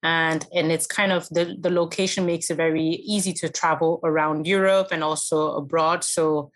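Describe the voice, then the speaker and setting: A woman from Belgium, around her thirties, answering interview questions in a measured, thoughtful way with some hesitations. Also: low voice, steady tone. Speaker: podcast guest.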